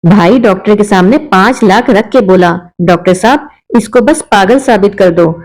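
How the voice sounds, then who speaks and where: A woman's voice: mid-range voice, darkish tone, rough recording. A woman with a Pakistani Urdu accent reading a sad family story as scripted dramatic narration, in an emotional, mournful storytelling manner.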